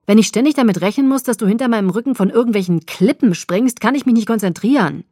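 A woman's voice: medium pitch, lively intonation, normal speed, no room sound, clean studio sound. A woman voicing a strong, protective young man who speaks urgently and pleadingly. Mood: worried.

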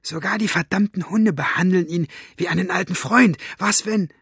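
A man voicing Elinor, a gruff, sharp-tongued older woman who scolds and snaps, in an audiobook reading. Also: fairly high pitch, a little fast, dry recording, studio quality, voice pushed up, natural voice. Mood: suspicious. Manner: brusque, scolding.

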